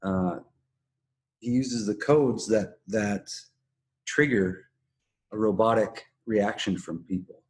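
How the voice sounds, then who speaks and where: A man co-hosting a podcast, explaining and analysing in a measured, casual conversational way. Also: lowish voice, a little mellow. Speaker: podcast co-host. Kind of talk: casual analytical discussion of a TV drama.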